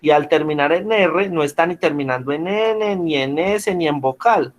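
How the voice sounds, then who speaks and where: Male teacher, slightly high voice, patient and questioning, heard over a video call. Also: moderate pace, muffled recording. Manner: patient, checks in with frequent questions. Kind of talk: online class lesson.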